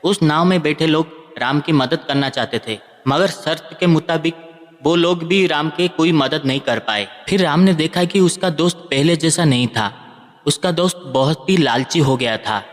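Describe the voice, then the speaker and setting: A man's voice: on the high side, normal speed. A man narrating a moral story in an earnest way, addressing listeners as friends, with a long hall reverb on the recording.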